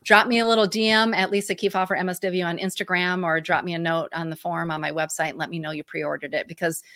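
A lowish-voiced woman talks in a twangy American Midwestern accent, recorded close and dry. She is a guest in a casual interview, speaking informally and with expressive emphasis. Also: fast talker, no echo. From Michigan, US. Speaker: guest, author.

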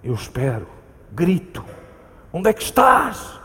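A man's voice: high-pitched, wildly swooping pitch, takes it slowly, bright, forceful tone, full character voice. An actor with a European Portuguese accent plays a frightened man at sea, searching for his lost companion in an urgent, repetitive, pleading voice. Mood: haunted recounting. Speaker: actor in a staged reading. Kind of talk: staged theatre reading. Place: theatre hall. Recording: live stage reading in a reverberant hall.

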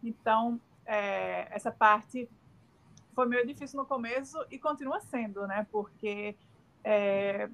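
In a rough recording, a middle-aged woman with a Northeastern Brazilian Portuguese accent takes her time answering casual remote interview questions, stumbling with fillers and frequent restarts. Her voice is a little high, gravelly and a bit bright.

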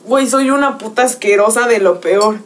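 A young woman with a Mexican accent, chatting casually on a podcast and telling an anecdote full of slang, often laughing and quoting others in a lowered voice. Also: moderate pace. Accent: Mexican Spanish. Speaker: podcast co-host. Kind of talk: casual chat, storytelling.

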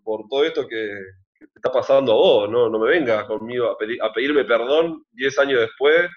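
A man with an Argentine accent, a guest in a casual interview, explaining his views in a reflective, measured way. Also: medium pitch. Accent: Argentine Spanish. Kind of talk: casual conversation. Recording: dull lo-fi sound.

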